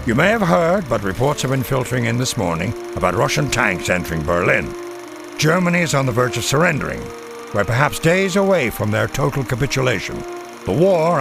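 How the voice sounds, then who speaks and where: A middle-aged WWII American intelligence colonel, voiced by a male actor at medium pitch, briefs officers on a mission in a game cutscene. He sounds proud and relieved, yet his scripted delivery stays formal, authoritative and measured, crisp and military, with weighty pauses.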